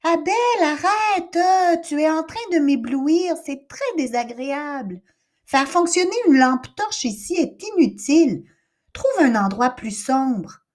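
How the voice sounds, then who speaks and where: A woman voicing a bold, impatient young girl in a storybook reading, speaking brightly and playfully. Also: sits high, unhurried, voice pushed up. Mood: annoyed. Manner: bright, lively, teasing.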